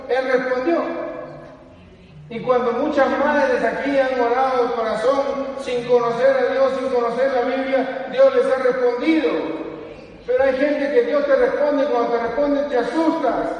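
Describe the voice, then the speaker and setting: A man's voice: very high voice, darkish tone. A man preaching an evangelical sermon in a church, storytelling with rhetorical questions to the congregation. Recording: echoey church hall from far off.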